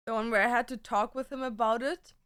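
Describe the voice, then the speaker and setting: A woman's voice: on the high side, fairly even intonation, brisk, fairly bright tone, clear, resonant tone. A woman chatting casually and playfully while getting ready, with a sassy, slangy way of talking. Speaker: livestream host. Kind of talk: casual get-ready-with-me chat.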